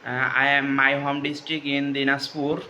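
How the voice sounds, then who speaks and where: A young man from Bangladesh with a Bangladeshi accent, introducing himself loudly and hesitantly as a student applicant. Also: mid-range voice, monotone, moderate pace, muffled recording, slight background noise. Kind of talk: self-introduction video.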